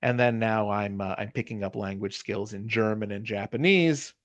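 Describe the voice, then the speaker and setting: Speaking at normal speed in a lowish voice, a middle-aged Californian-accented American lecturer talks casually through a conversational university lecture. He often checks in using "you know" and "right?" tag questions, and there's no room sound.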